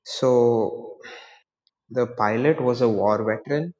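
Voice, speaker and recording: A man's voice: mid-range voice, takes it slowly, a little mellow, dull audio. A teenage boy from India co-hosting a casual podcast, teasing his friend and chiming in with short replies. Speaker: podcast co-host.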